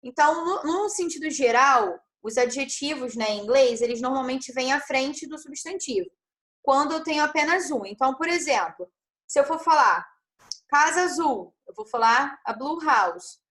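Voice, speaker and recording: A woman's voice: high-pitched, lively intonation, normal speed, a bit bright. A woman teaching an English grammar class online over a video call, explaining step by step and checking in with frequent tag questions.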